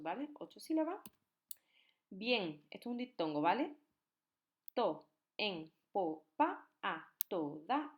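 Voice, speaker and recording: A woman's voice: mid-range voice, a little mellow. Patient woman teaching poetry. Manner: patient, counts syllables aloud, checks in with frequent "¿vale?". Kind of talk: recorded lesson on poetic meter.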